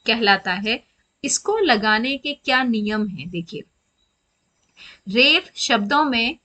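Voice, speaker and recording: Teacher, woman, bright and a little high, patient explainer who quizzes then answers herself. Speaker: Hindi grammar teacher. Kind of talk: classroom explanation.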